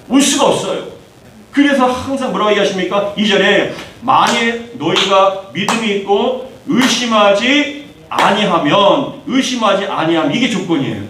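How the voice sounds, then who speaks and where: A male pastor preaching a sermon, animated storytelling that acts out the voices of the people in the story. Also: high-pitched. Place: church sanctuary. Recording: roomy echo, mic at a distance, faint hum.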